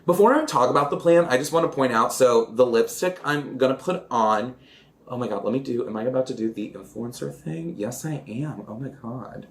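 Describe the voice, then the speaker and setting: A man's voice: medium pitch, expressive, normal speed. A man chatting in a campy, dramatic way while recapping an old film and doing his makeup, with giggly asides. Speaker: vlogger.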